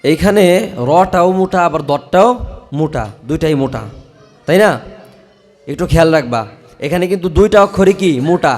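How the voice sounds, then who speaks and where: In a madrasa classroom, a man with a Bangladeshi Bengali accent teaches Quran recitation, chanting verses in a slow, drawn-out way before briskly explaining pronunciation with many checking questions. His voice is fairly high with a darkish tone, and soft music plays in the background.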